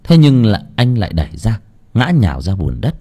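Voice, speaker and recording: A man's voice: fairly low pitch, wildly swooping pitch, moderate pace, mellow, husky. A man narrating a folk tale audiobook expressively. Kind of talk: storytelling narration.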